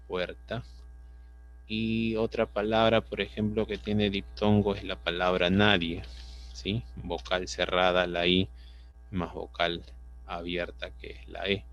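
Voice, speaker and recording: Over a video call recorded through a computer mic, a Peruvian-accented man teaches an online class in a low voice with vocal fry. He explains things patiently and keeps checking understanding with tag questions, and the audio is dull and lo-fi.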